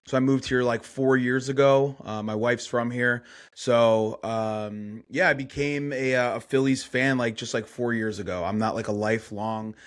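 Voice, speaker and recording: A man's voice: medium pitch, steady tone, normal speed. A young man from Chicago, a guest on a casual podcast interview, talking in a laid-back, rambling way with lots of fillers.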